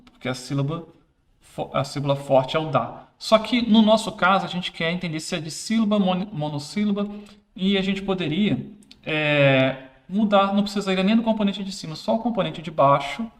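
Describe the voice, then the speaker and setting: A man, a teacher trainer, explaining a classroom teaching aid in a casual instructional demo, pausing to correct himself as he handles it. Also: high-pitched.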